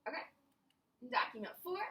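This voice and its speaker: A woman's voice: normal speed, sharp tone. A woman teacher explaining a history lesson, correcting herself as she goes. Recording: echoey room.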